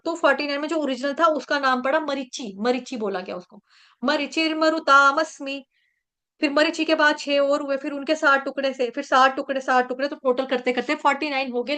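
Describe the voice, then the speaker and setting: High-voiced woman teaching scripture. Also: a bit bright. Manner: explains with story, chants Sanskrit verses slowly. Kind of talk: devotional scripture class storytelling.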